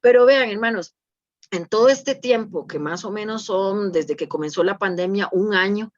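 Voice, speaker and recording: A woman with a Costa Rican Spanish accent, from Costa Rica, shares a testimony at a church conference in a mid-range voice at a moderate pace. She speaks earnestly, with many fillers and restarts, and the audio is lo-fi.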